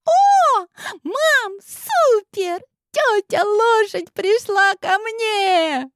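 A small, innocent girl chirps in a very high, childlike voice. She speaks slowly and sweetly. The sound is dry and close. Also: lively intonation, a bit bright, no room sound, exaggerated voice. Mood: excited.

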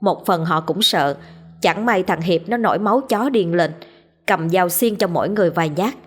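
A woman narrating a scripted horror story in a steady, dramatic storyteller's manner. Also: fairly low pitch, moderate pace, husky.

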